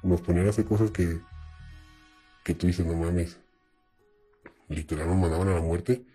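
A man's voice: low voice, normal speed, soft background music. A young man with a Mexican accent, telling his story in an interview in casual, swear-laden slang. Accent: Mexican Spanish. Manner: streetwise, swears often, relaxed.

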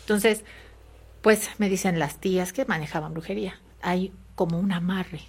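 Mexican woman, fairly low voice, halting storytelling in an interview w lots of fillers. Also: husky. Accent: Mexican Spanish. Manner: hesitant, with frequent fillers and tag questions. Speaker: interview guest. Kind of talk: telling a personal story in conversation.

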